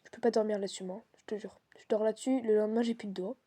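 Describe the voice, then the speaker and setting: A woman's voice: medium pitch, fairly even intonation, racing, mellow, breathy edge. A woman streaming a horror game, chatting casually and slangily as she reacts to the game with a partner.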